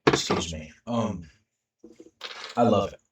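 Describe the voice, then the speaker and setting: A late-teens young man with a low, deep voice, talking straight to his channel in a loose, unscripted vlog. He rambles, backtracks and stutters on his words as he restarts his sentences. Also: slow pace, background noise. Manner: stutters when nervous, rambling with many restarts. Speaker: YouTube creator. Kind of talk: unscripted casual vlog talk.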